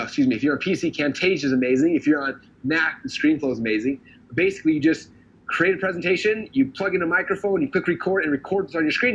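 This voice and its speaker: A man giving a recorded training talk in a fast, casual, enthusiastic way, full of "okay" and "like". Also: on the high side, a bit bright. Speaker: business trainer. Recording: dull lo-fi audio, faint noise.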